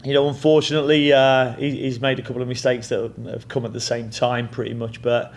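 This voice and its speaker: Fielding questions from the press, an English-accented head coach in middle age speaks plainly, repeating himself and saying "you know" as he gathers his thoughts. He talks a little fast in a mid-range, level voice, with slight background noise.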